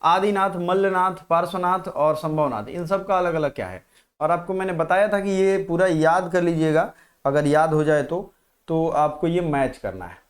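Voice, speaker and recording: A man with a somewhat high voice leads a live online exam-prep lesson. He keeps quizzing the viewers, pushes them to answer fast and reads out what they write in the comments. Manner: questions viewers directly and checks comments. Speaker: teacher.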